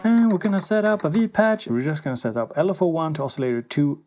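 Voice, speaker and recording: A man with a slightly high, a little mellow voice moves at a quick pace through a casual gear demonstration. As a synth reviewer and presenter, he muses aloud in a relaxed way while working the equipment, with synthesizer music playing in the background.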